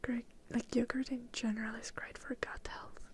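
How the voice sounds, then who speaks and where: A woman's voice: a little high, flat delivery, normal speed. A young woman from Finland whispering as she answers viewer chat in a casual ASMR livestream, close to the mic. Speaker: ASMR streamer.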